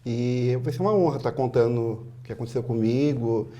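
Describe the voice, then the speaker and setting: A Brazilian man speaks as an interview guest, recounting hard memories in a halting way. He pauses often, and his sentences trail off softly. His voice sits at a middle pitch and sounds ordinary and unadorned. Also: muffled recording. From Sorocaba, Brazil. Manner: hesitant, halting, with many fillers and trailing off softly. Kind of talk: personal testimony in an interview.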